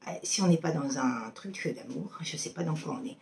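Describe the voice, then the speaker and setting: A woman's voice: low-pitched, normal speed, creaky, background noise. A woman giving a casual oracle card reading to her viewers, chatty and affectionate, with many fillers.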